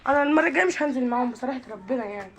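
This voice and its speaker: Rapid excitable Egyptian woman. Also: high-pitched, background noise. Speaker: family vlogger. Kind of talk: casual family chat.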